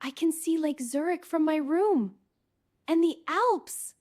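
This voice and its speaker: A woman playing an excited young tourist, narrating a beginner English lesson with very slow talking in short simple sentences. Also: high voice, no room sound, clean studio sound. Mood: calm wonder.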